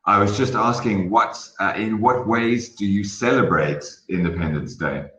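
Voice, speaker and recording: A man's voice: fairly low pitch, moderate pace, fairly bright tone. A man from South Africa who teaches English, chatting patiently and courteously on a tutoring call. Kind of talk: casual online tutoring chat. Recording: roomy dull lo-fi call audio.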